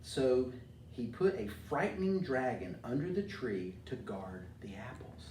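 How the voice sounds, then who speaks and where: This middle-aged American man is a mayor and community leader giving an informal talk and storybook read-aloud for kids. His mid-range voice is very animated, unhurried and a little mellow, recorded from a distant mic with roomy echo and faint noise.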